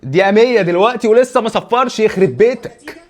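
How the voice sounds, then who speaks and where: A man with an Egyptian accent fires off a live football reaction at breakneck speed. His voice sits high, and he keeps pressing the same urgings over and over in an exasperated running commentary. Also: lively intonation, fast. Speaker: football fan reacting to a match.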